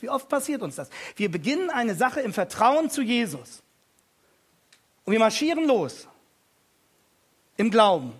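A male preacher delivers an emphatic sermon in a fairly high voice. His tone is husky, and he repeats key phrases. He swings from hushed, intimate passages to loud appeals.

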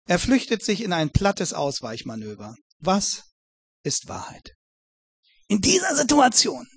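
A man's voice: high-pitched, wildly swooping pitch, moderate pace, gravelly, slightly rough, dry recording, studio quality. A man preaching a Bible exposition sermon, earnest, addressing his listeners formally and building emphatic repetitions.

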